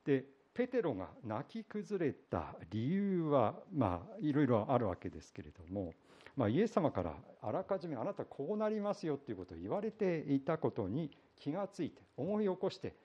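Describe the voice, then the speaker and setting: A pastor from Iwate, Japan, preaching a conversational sermon, telling the story in a relaxed, folksy way with many hesitations. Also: male voice, mid-range voice, normal speed, breathy edge, lo-fi sound.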